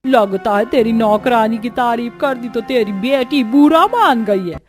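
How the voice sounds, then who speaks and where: A woman voicing a chatty, effusive middle-aged aunt who gushes slowly. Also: fairly high pitch, soft background music, close to an everyday voice. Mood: gushing.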